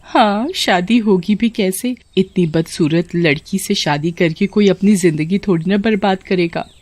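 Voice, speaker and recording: A woman voicing a spoiled, mocking young woman with a shrill, sneering voice in a cartoon story. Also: a little slow, darkish tone, dry recording, natural voice.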